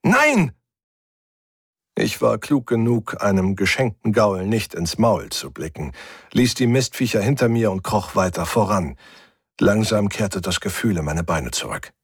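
A man narrating a first-person sci-fi audiobook in a steady, gritty storytelling manner. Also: fairly low pitch, normal speed, husky, dry recording, clean studio sound.

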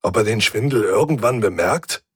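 A man voicing a gruff male spaceship crewmate who grumbles and frets aloud. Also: lowish voice, moderate pace, dry recording, studio quality. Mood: relieved. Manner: grumbling, then relieved and excitable.

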